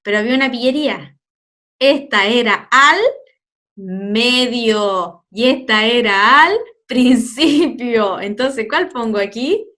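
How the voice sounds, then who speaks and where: Slightly high with a sharp tone, a woman teacher with a Chilean Spanish accent runs a phonics lesson for children at primary school. She draws out words slowly and adds playful asides along the way.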